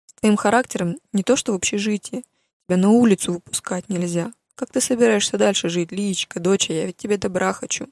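A woman voicing an abusive middle-aged mother who berates her daughter in a loud, scolding voice in an audiobook reading. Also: medium pitch, dry recording, clean studio sound, lightly acted. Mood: cold scolding. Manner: loud, berating, rapid-fire insults. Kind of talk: audiobook character voice.

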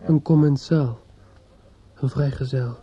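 The same bitter, drunken judge's son broods aloud here, his performer speaking slowly in a mid-range, near-everyday voice with fairly even intonation. Crowd noise sits behind the stammering, repetitive inner monologue, and the old radio recording is muffled and noisy.

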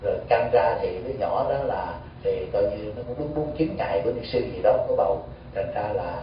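A Buddhist monk giving an animated storytelling sermon, full of rhetorical questions. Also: male voice, fairly low pitch, a little fast, a little hiss or hum. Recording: echoey hall, distant dull mic.

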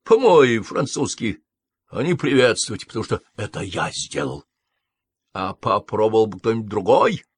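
A man voicing an eccentric, excitable middle-aged official who exclaims and mocks theatrically in an audiobook. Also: lowish voice, normal speed, breathy edge, no echo. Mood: mocking. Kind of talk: audiobook character voice.

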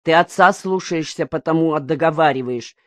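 A woman's voice: low-pitched, normal speed, no echo, natural voice. Lady reading stubborn young fisherman guy, curt, digs in, audiobook.

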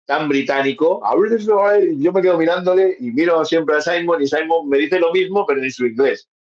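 A man's voice: a little high, brisk. A man who is a guest in a podcast chat, laughing often and explaining at length. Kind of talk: casual chat. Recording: dull remote audio.

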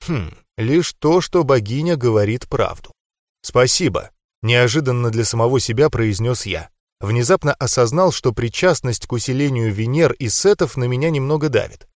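A man narrates an audiobook in the first person, with steady, even storytelling at a mid pitch. His voice is recorded close and dry, with no room sound behind it. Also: dry recording.

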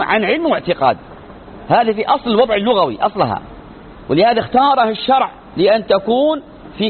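A man teaching a religious lesson in an emphatic style, asking rhetorical questions and answering them himself. The recording sounds thin and narrow, with faint noise behind him. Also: very high-pitched. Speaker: sheikh teaching creed. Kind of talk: religious lecture.

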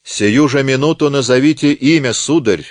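A man's voice: fairly low pitch, sing-song, unhurried, no echo, clean studio sound. A man voicing a stern, impatient presiding judge who presses with insistent questions. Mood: demanding.

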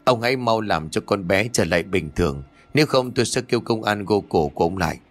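A man's voice: fairly low pitch, animated, fast talker, no echo. A man voicing an angry, bossy grandmother in an audio ghost story, scolding and threatening.

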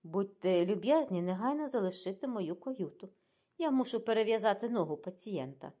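Woman reads fussy older German ship's doctor, offended and huffy, audiobook figure, lively pitch. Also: moderate pace, natural voice. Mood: brusque.

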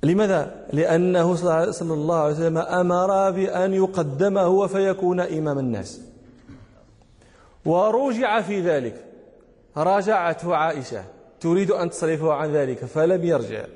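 A man's voice: high-pitched, moderate pace, darkish tone, big-room sound. A man with a Moroccan accent teaching a grammar lesson, quizzing his class and often chuckling.

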